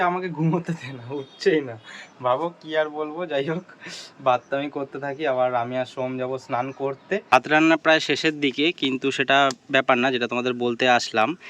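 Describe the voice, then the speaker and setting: A man's voice: medium pitch, a bit bright. A young man narrating a casual daily vlog, chatting directly to viewers while he works around the house. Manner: chatty, talks straight to viewers while doing chores. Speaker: vlogger.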